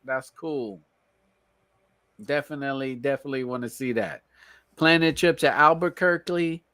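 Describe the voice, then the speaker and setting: A tired man with a New York accent hosting a casual live stream, laid-back and slangy, reading chat and giving shout-outs. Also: medium pitch, moderate pace, no echo, clean studio sound.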